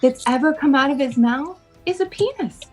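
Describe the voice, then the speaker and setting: A woman delivers a roast of insult jokes over a video call in a deadpan, mock-sweet way. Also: high-pitched, fairly quick, music in the background, rough recording. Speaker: roast contestant.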